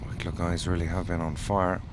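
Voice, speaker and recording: Low-voiced golf commentator man, noisy outdoor sound. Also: flat delivery, brisk. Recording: clear outdoor ambient noise.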